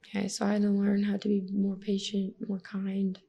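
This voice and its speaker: A woman with a heavily gravelly, husky voice and a dark, mellow tone. She speaks as a podcast guest in casual conversation, telling candid stories in an animated way. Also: medium pitch, normal speed. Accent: American. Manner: candid, animated storytelling with laughs.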